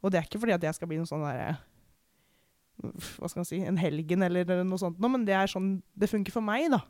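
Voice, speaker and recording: A young woman from Norway giving a candid, reflective personal account in conversation, pausing and restarting often. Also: fairly low pitch, darkish tone, no echo, clean studio sound. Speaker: podcast guest.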